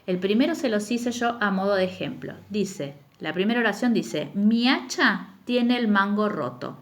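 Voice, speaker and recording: A young woman teacher, explaining a grammar worksheet to children and slowly drawing out each example word. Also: medium pitch, lively intonation. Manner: slow, emphatic spelling-out of words for children. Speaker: primary school teacher. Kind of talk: recorded remote lesson, explaining exercises.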